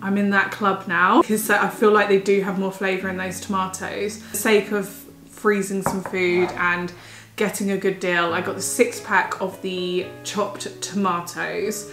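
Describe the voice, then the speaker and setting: In a casual food haul vlog filmed at home, a heavily pregnant young woman chats enthusiastically while a bit out of breath. Her voice sits in the mid range with a fairly bright tone. The room sounds roomy, with faint music in the background.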